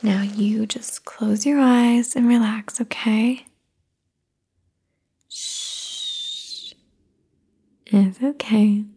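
A woman in an ASMR caretaker roleplay, speaking softly and soothingly, often in a whisper, close to the microphone. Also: a little high, drawn-out words, pauses often, slightly rough.

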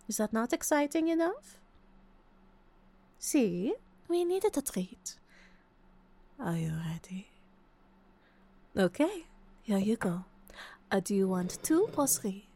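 A tender middle-aged woman, as a woman acts her out speaks to the listener in an unhurried, soft hush. Her voice is husky and breathy, with a pampering, teasing warmth. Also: mid-range voice, full character voice. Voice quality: soft, breathy, half-whispered. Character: doting middle-aged French woman, affectionate roommate and mother. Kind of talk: audio roleplay to the listener.

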